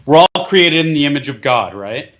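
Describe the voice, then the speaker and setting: A man guest musing slowly and building up a joke in casual chat. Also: on the high side, lively intonation, fairly bright tone.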